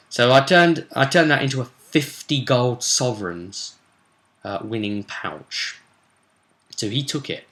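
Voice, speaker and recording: A British man with a bright, forceful, mid-range voice gives an unhurried, casual and animated recap to camera of a tabletop role-play session he ran as game master. He's chatty and digressive, with playful asides and emphatic bursts.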